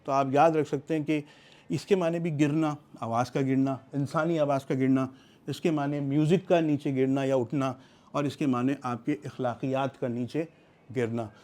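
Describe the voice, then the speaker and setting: A middle-aged man explaining English vocabulary in a lesson, reading English example sentences slowly and deliberately. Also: medium pitch, steady tone, darkish tone.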